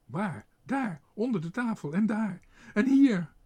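A man's voice: high-pitched, huge pitch swings, slow, breathy edge, pitched above the performer's own voice, exaggerated voice. Een man die een gillende, panische dame aan een diner voorleest en speelt. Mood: panicked shrieking. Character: shrieking panicked lady dinner guest.

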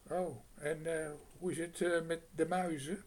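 A man's voice: on the high side, level tone, a little slow, darkish tone, voice pushed up, natural voice. A man voicing a hungry, talkative male crow who rambles and hesitates, in a storybook reading. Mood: musing.

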